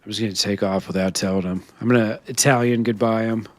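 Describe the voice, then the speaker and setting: A man streaming a survival game, chatting in character and to his viewers, laughing often as he talks. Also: quick pace. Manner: chatty, laughs often, lively swings in pitch. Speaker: streamer playing a role-play character. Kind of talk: live gameplay role-play chat.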